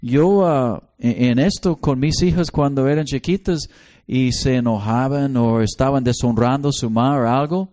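A man's voice: mid-range voice, normal speed. A middle-aged man leads a casual Bible study, telling stories animatedly and slipping into English now and then. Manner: animated storytelling, slips into English.

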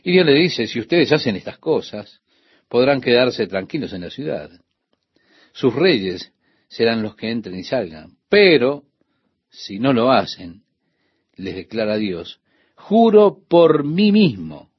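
Husky-voiced man teaching the Bible on radio. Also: medium pitch, expressive, unhurried, pauses often, lo-fi sound. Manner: earnest, addresses the listener directly.

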